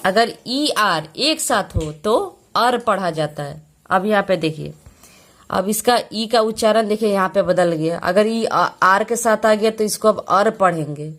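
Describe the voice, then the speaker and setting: A woman teacher, patiently explaining pronunciation rules, repeating each point and spelling out letters slowly. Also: medium pitch, lively intonation, a bit bright. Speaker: English teacher.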